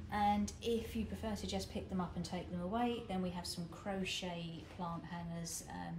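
A woman showing customers around her small shop, chatty and relaxed with plenty of ums. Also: medium pitch. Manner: chatty and relaxed, many fillers like um and uh. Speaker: shop owner giving a tour. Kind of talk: casual walk-through shop tour. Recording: echoey shop room with clear background noise.

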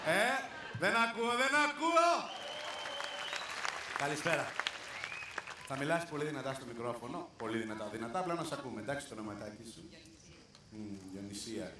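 A male comedian hosting a live stage show, calling up audience volunteers and teasing them playfully, often laughing. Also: mid-range voice. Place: large theater stage with audience. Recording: echoey live theater with crowd noise.

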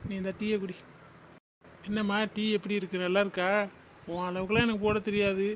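A doting young cartoon husband, as a man puts him on, soft-spoken and fond, in a high, even voice. He talks quickly and lightly, like a comic son caught between mother and wife. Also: slight background noise, natural voice. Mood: affectionate. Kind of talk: cartoon comedy voice acting.

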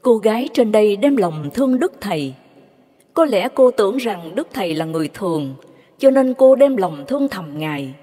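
A woman narrating devotional stories in a measured, reverent way. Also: medium pitch, sing-song, mellow, husky. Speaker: storyteller. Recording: long hall reverb.

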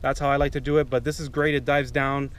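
Fast but flat in delivery, a medium-pitched man in his thirties vlogs from a small boat out on open water, casually and playfully tallying the fish he's caught. The boat's action camera records him amid outdoor wind and water sounds.

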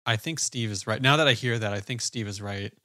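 A man's voice: fairly low pitch, brisk, bright, forceful tone, dry recording, studio quality. A man guesting on a podcast, giving blunt, pessimistic opinions in casual chat over a remote call. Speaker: guest commentator.

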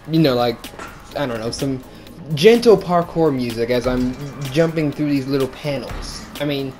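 A young man giving excitable, casual commentary as he plays a game, talking to himself and his viewers. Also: mid-range voice. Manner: excitable, talks to himself and viewers, shouts when he falls. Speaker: gaming video host.

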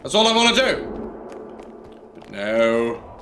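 A man in his thirties, a gaming YouTuber, talks slowly but very animatedly in a mid-range voice against a noisy background. He jokes through a horror game on his headset mic, yelping and shouting at each scare.

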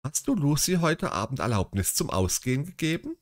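A man's voice: on the high side, sing-song, a little fast, no echo, pitched above the performer's own voice. A man reading the lines of a worried young daughter in a storybook.

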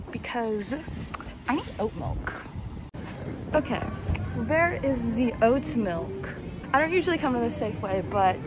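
Playful young woman, higher voice over music. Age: young adult. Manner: playful, giggly asides and exclamations. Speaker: vlogger. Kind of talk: casual vlog chat. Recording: music behind the voice.

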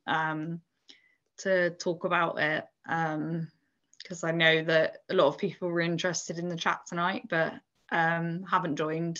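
A woman co-hosting a casual chat, speaking in a relaxed, hesitant way with ums. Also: deep voice, lo-fi sound. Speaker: podcast co-host.

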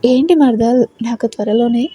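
A woman's voice: a little high, moderate pace, warm tone, no echo. Woman playing a teasing young husband. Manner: teasing, husky murmur.

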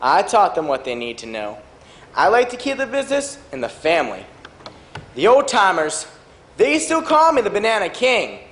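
A man's voice: sits high, wildly swooping pitch, moderate pace, a bit bright, exaggerated voice. A man performing a stage monologue as a boastful self-made banana businessman, talking in a brash, bragging way. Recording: echoey auditorium.

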